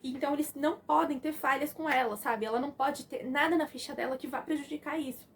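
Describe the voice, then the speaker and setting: A young woman with a Brazilian Portuguese accent recaps a film in a casual, animated way and slips into the characters' lines as she goes. Her voice sits high. A faint hiss runs under the recording. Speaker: film reviewer.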